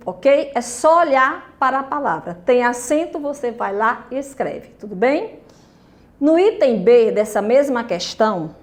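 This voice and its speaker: A Brazilian woman teacher giving a recorded grammar lesson to young children, speaking slowly and patiently and often checking in with "tudo bem?" and "ok?". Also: sits high. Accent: Brazilian Portuguese. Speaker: primary school teacher.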